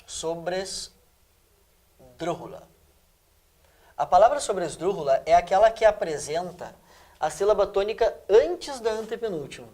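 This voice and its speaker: A teacher works through exam answers. He keeps checking that his students follow along. His delivery is lively and animated. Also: sits high, fairly quick. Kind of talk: exam-prep lesson.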